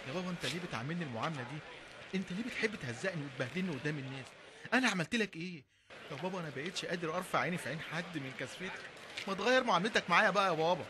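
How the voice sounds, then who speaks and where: A man's voice: a little high, lively intonation, noisy background, lightly acted. Young man playing a whiny, sarcastic Egyptian son. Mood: pleading. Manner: whiny, sarcastic, fast-talking.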